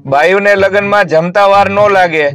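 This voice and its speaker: A man telling a string of short jokes in a deadpan way, voicing the quoted lines himself. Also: high-pitched, moderate pace. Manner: deadpan joke delivery with quoted dialogue. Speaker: joke teller. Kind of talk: reciting jokes. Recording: music playing under the voice.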